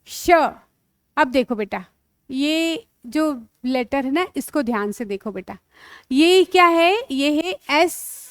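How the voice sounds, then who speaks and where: In a clean studio recording with no room sound, a woman whose voice sits high teaches phonics to young kids in an Indian accent. She calls them "beta" and sounds out words one letter at a time.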